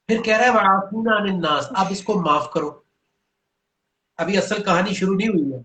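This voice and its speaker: A guest speaker on religion explains Quranic teaching earnestly and patiently, reciting short Arabic verses along the way. He has a high, fairly bright voice, and the sound is roomy.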